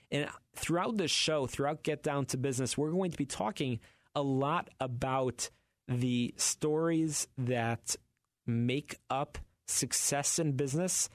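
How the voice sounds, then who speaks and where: A man at mid pitch hosts a radio talk show with a lively storytelling manner, acting out what others said. His voice is close and dry, with no room sound. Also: no echo.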